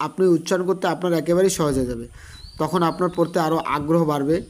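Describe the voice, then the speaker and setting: A man giving an online Quran reading lesson, who spells out letters slowly and repeats them for his students. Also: a little high, a little mellow, slight background noise. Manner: slow, repetitive spelling-out of letters; addresses students directly, encouraging.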